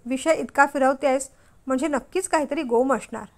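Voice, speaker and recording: A loud, stern middle-aged husband scolding his wife, as a woman narrator puts him on. The voice sits high and carries rebuke in every line. It belongs to a spoken storybook. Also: moderate pace. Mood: stern, angry.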